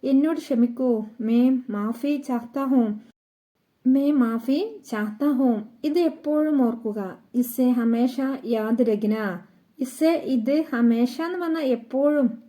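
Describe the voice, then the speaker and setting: Slow, high-voiced woman teaching phrases. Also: warm tone. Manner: repeats each phrase slowly in two languages. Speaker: language teacher. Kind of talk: slow spoken-language lesson.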